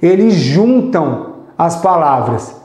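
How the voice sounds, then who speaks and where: A Brazilian man teaching English on a live stream, chatty and encouraging, slowly repeating example phrases. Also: a little high, sing-song, darkish tone, roomy sound. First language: Portuguese. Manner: sings snippets of songs to teach. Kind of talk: live online English lesson.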